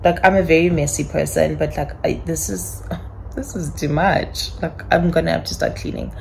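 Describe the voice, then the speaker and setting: A young adult woman vlogging casually to camera in her apartment, talking softly and wearily, soothing herself. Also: sits low, fairly even intonation, moderate pace, gravelly, a little hiss or hum, rough recording. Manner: soft, tired, self-soothing. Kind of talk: casual vlog talk to camera. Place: small apartment indoors.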